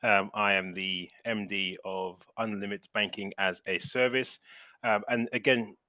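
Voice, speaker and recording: A man's voice: lowish voice, a little slow, no room sound. A man from London, a fintech managing director, telling a casual anecdote on a webinar video call, laughing and acting out voices as he goes. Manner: animated storyteller, laughing, acting out quoted voices.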